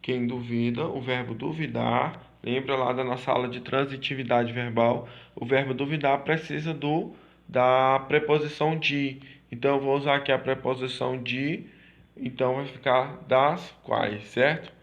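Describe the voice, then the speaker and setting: Male teacher, mid-pitched, explains step by step and keeps checking the listener follows. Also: fairly even intonation, normal speed, muffled recording. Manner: repetitive, checks in with "certo?" and "tá?". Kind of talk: explaining grammar lesson.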